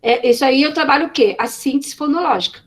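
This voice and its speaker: A woman's voice: high voice, fast talker. A woman teacher giving an online class on a video call, explaining step by step and often checking in with her students.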